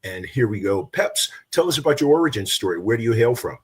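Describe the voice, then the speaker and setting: A man's voice: medium pitch, expressive, fast, husky. A man from New York hosting an interview, a friendly presenter who makes enthusiastic calls to the audience. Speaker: interview host. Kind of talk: hosted interview.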